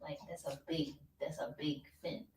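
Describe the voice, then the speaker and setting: A woman's voice: low-pitched, flat delivery, normal speed, a little mellow, slight background noise. A woman student in a casual classroom chat, giving brief replies and asking tentative questions. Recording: far from mic in an echoey room.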